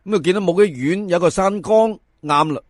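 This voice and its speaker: A high-sitting male voice with a Hong Kong Cantonese accent narrates a folk tale in animated storyteller fashion, colloquial and dramatic, stretching out his sentence particles. The studio recording is clean, with no room sound.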